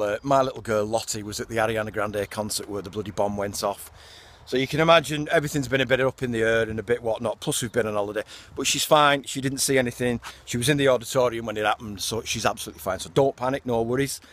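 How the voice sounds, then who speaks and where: A middle-aged man giving a rambling, casual tour of his allotment, out of breath from clearing the paths. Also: medium pitch. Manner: chatty, rambling, mild swearing. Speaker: allotment vlogger. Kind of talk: casual garden tour vlog. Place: outdoor allotment.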